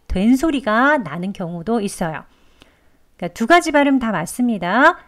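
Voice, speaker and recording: A woman's voice: a little high, big pitch swings, a bit bright. Korean woman teaching English pronunciation. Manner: patient, demonstrates sounds slowly. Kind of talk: pronunciation lesson.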